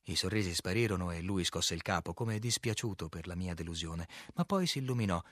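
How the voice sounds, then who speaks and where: A man narrating a novel as an audiobook, reading in a measured, clear way and acting out the quoted lines. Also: deep voice, expressive, fairly bright tone, no room sound, clean studio sound.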